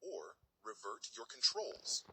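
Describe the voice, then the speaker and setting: A man's voice: mid-range voice, sing-song, takes it slowly, very noisy. A man reading out would-you-rather prompts as the announcer of a game.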